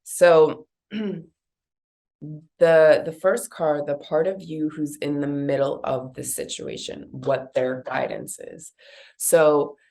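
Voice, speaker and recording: Low nasal woman leading a card reading. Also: little pitch movement, takes it slowly, a little mellow. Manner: casual, rambling, many fillers. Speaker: card reader. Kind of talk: guided intuitive card reading.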